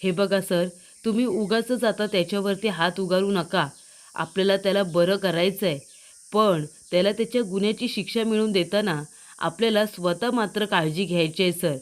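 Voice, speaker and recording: Woman reading young woman, soothing, pleading, calm, serial recap. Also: medium pitch, moderate pace, lightly acted.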